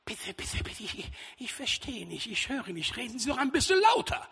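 Man putting on a sly sexton playing deaf, low hushed voice, gravelly, echoing hall. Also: sing-song, normal speed, exaggerated voice. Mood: feigning confusion. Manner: low, hushed, feigning not to hear. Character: sly middle-aged male church sexton, playing deaf. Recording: reverberant hall.

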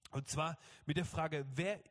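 A pastor in his thirties delivers a lively sermon, slipping into the voices of the people he quotes. His voice sits a little high for a man. The church hall gives each phrase a long, ringing reverb. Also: measured pace.

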